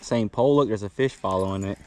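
Out on a river aboard a bass boat, a fast-talking fishing channel host coaches his young son and chats casually for his outdoor vlog. An action camera mounted on the boat records him, capturing plenty of wind and water noise.

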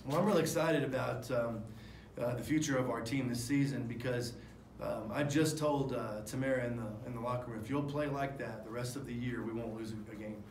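A man's voice: medium pitch, fairly quick, a little mellow. Middle-aged coach guy at a postgame presser, talks in loose restarts and um's, table mics, echoey room. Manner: candid, rambling with many fillers and restarts. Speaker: head basketball coach. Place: press room in front of a sponsor backdrop. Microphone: table microphones. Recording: echoey room with faint noise.

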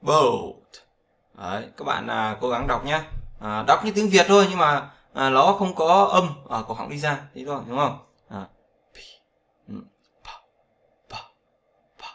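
Gravelly Vietnamese male English teacher. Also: mid-range voice, animated, normal speed, a bit bright. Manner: repetitive, drills sounds, asks "right?" often. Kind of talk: casual spoken lesson.

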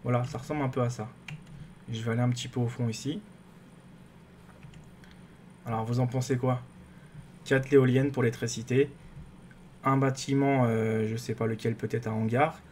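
A man giving casual, rambling commentary on his game, excitable and full of fillers and restarts. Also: medium pitch, normal speed, pauses often, slight background noise. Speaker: gaming YouTuber.

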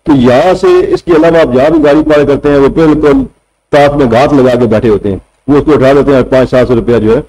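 A senior male journalist, speaking with a Punjabi Urdu accent, makes argumentative points on a TV studio set, aiming rhetorical questions at the host. He talks fairly quickly in a dark, medium-pitched voice. The audio, picked up by a table mic, is poor.

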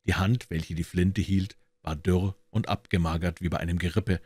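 A man narrating a classic detective novel as an audiobook reader, in measured storytelling with lively emphasis. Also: sits low, slightly rough. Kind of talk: scripted narration.

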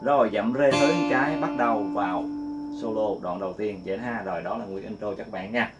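A man giving a casual guitar lesson, singing note names slowly between quick explanations. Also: fairly low pitch, highs cut off. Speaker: guitar teacher. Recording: loud guitar playing along.

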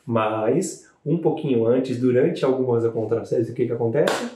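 Mellow-voiced man recounting a birth, casual and animated, roomy echo on the mic. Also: medium pitch, moderate pace. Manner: chatty, animated retelling with frequent "né" tags. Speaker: new father telling his partner's birth story. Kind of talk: casual storytelling to camera.

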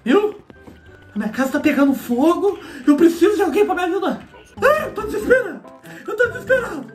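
A man voicing a panicked, whiny man in a role-play game who pleads and shouts for help because his house is on fire. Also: very high-pitched, animated, normal speed, soft background music, exaggerated voice. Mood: desperate. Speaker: streamer playing a role-play game character.

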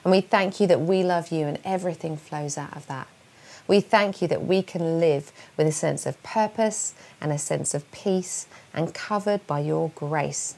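Her gravelly voice sits low with a darkish tone as this Englishwoman in her forties gives young people a devotional keynote and prayer. She's earnest and encouraging, opening her hands as she speaks, and is recorded indoors on a lapel mic in a small room at home.

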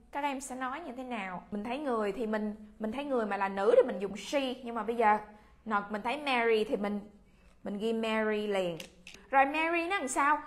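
A woman English teacher from Vietnam giving a children's lesson, modeling phrases in a drawn-out way. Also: a little high, a bit bright. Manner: slow, drawn-out model pronunciation.

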